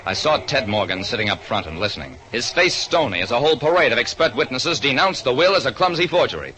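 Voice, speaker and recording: This actor talks fast in a medium-pitched voice close to his everyday one, with lively intonation. He narrates a case dramatically as a wry private detective, 1940s radio drama style, on a noisy old radio recording.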